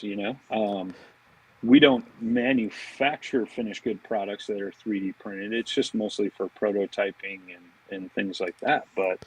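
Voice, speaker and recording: Appearing as a podcast guest, this marketing director for fishing products is an American man who talks informally and rambles, peppering his speech with "you know" and "man." His voice sits on the low side with a slight roughness, and the recording quality is low.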